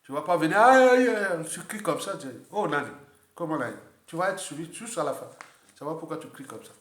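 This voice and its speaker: A man with a Congolese French accent giving an unscripted political monologue, repeating himself and jumping to high exclamations. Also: fast talker, reverberant. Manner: animated, repetitive, jumps to high exclamations. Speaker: political commentator.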